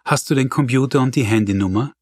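A man's voice: mid-range voice, fast, darkish tone, no room sound, pitched above the performer's own voice, lightly acted. Businesslike woman doctor, male narrator voicing her, impatient, dry close mic. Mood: brisk. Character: brisk female doctor on the phone.

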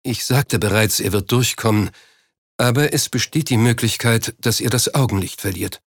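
A man reading an audiobook, voicing a hospital doctor in a measured, sober manner. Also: mid-range voice, no room sound, clean studio sound, natural voice. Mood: grave. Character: grave, formal male hospital doctor.

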